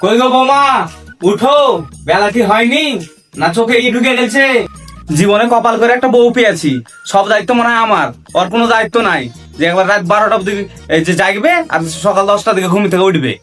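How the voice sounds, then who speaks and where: Nagging old mother-in-law. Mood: complaining. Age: older. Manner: whining, scolding, high-pitched and fast. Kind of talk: comedy skit acting. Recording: distant mic with loud background music.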